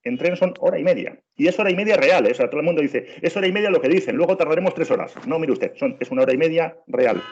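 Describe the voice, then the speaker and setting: His voice sits a little high, expressive and mildly mellow, delivered rapid-fire with few pauses over a faint hiss or hum. He's a middle-aged man from Spain with a Spanish accent, running an insistent, restart-heavy train travel training as a webinar. The video call audio is dull and lo-fi.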